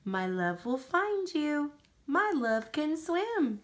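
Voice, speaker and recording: With a high voice and an American accent, a woman reads aloud from a picture book for a young child, lingering over expressive phrasing.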